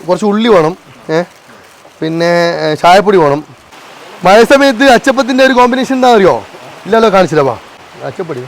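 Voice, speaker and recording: A male vlogger with a north Kerala Malayalam accent talks in a high register at a rapid clip. His delivery is colloquial and chatty, sprinkled with English slang, as he addresses viewers and puts questions to locals. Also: very animated, slight background noise, poor audio. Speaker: vlogger, host. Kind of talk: casual excited vlog chat with questions to locals. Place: outdoors by a river and in a boat.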